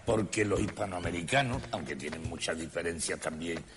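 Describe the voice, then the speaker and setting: A man's voice: sits low, a little fast. A man, giving an emphatic, lecturing explanation. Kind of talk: explanatory talk. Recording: clip with loud music underneath.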